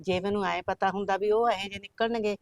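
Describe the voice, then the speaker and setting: An older woman playing a worried village mother who pleads gently with her family. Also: medium pitch, fairly even intonation, fast talker, no room sound, studio quality, lightly acted. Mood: consoling. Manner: soft coaxing pleas, repeated "putt". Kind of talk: rural family drama acting.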